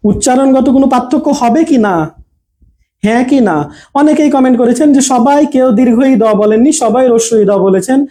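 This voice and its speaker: A male teacher runs a spelling and pronunciation class with a mellow, dark tone. He checks in with the class again and again and answers his own questions. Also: extremely high pitch, brisk. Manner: explains patiently, asks the class questions and answers them. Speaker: Bangla teacher. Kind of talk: online class lesson reading viewer comments.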